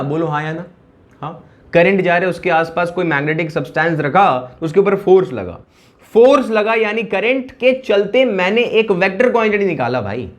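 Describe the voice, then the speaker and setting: A man teaching a physics lecture in a conversational way, often repeating phrases and asking the class for a yes or no. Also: fairly high pitch.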